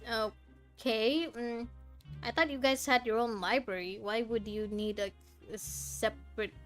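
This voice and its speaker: A woman streams a video game with casual, reactive commentary, musing informally about what she's playing, while game music runs behind her. Her voice is on the high side, steady in tone, and a little slow.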